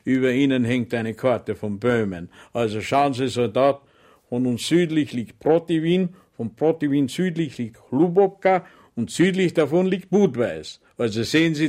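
A man voicing a friendly but cunning village police sergeant who talks in a smooth, mockingly polite way. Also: a little high, unhurried, darkish tone, voice pushed up, lightly acted. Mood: lecturing.

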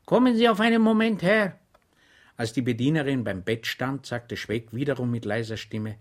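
A man's voice: mid-range voice, lively intonation, normal speed, lightly acted. A man voicing a good-natured, bumbling middle-aged soldier, bedridden with rheumatism, who talks with solemn cheer and bellows war songs. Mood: hushed solemn.

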